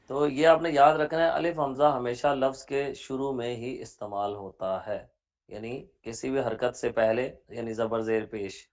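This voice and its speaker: A man teaching a Braille class online, slowly spelling out each word letter by letter, patient and repeating his examples. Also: mid-range voice, steady tone. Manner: spells out words letter by letter, slow and deliberate.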